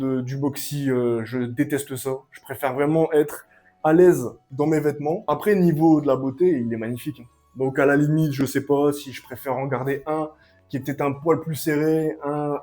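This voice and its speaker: A young man giving a casual, excitable clothing review at home, full of slang and hype. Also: fairly high pitch. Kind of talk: casual product review vlog. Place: at home, sitting and standing up to show clothes.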